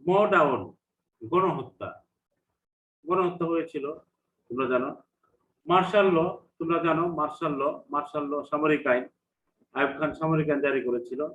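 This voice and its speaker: A man's voice: fairly high pitch, normal speed, long pauses, fairly bright tone. A man with a Bangladeshi accent, an English lecturer giving an online vocabulary class, repeating each word with its meaning in two languages. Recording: echoey room, dull lo-fi sound.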